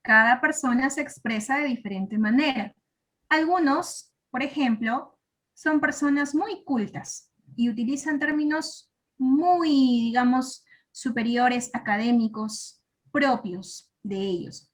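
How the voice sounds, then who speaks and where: A woman's voice: sits high, slow pace. A woman teacher giving a patient classroom explanation, often stopping to check that her students follow. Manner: patient, checks understanding with frequent tag questions.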